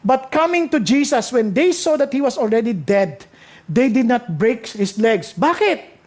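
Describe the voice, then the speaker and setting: A man preaching a sermon with passion, his voice swinging high and low for emphasis, slowing down to read scripture verses. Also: animated, darkish tone. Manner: mixes speech with quoted Bible verses read slowly.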